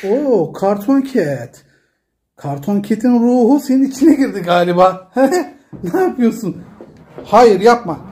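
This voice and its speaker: Father pleading over and over to calm down. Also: high voice, a little hiss or hum. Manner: pleading, repeats short calming commands, gently scolding. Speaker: father filming his daughter at play. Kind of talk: casual home video.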